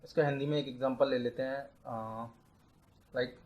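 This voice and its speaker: Man slowly explaining computer science. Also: medium pitch, steady tone, lo-fi sound, slight background noise. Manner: explains step by step, mixing English terms into Hindi, slows down to dictate definitions. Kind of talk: explaining a lecture.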